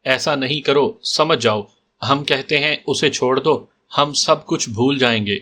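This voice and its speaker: A man voicing a stern middle-aged male trader with a ringing voice who talks in a soft, cold, coaxing tone. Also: mid-range voice.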